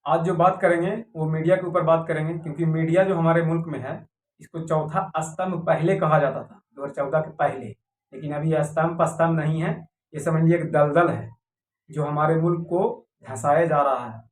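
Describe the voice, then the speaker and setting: A man's voice: on the high side, fairly even intonation, normal speed. A man giving a rambling, indignant opinion monologue to viewers, repeating phrases for emphasis. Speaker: video commentator. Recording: echoey room, voice from a distance.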